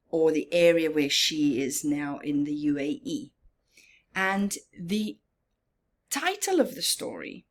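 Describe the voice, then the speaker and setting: A woman with a mid-range voice leads a children's story time. She reads aloud, pausing to give simple explanations and to ask the young audience questions.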